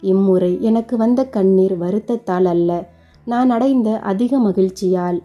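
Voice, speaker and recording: A woman telling a first-person short story in a steady, emotive manner. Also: mid-range voice, measured pace, muffled recording. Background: faint background music.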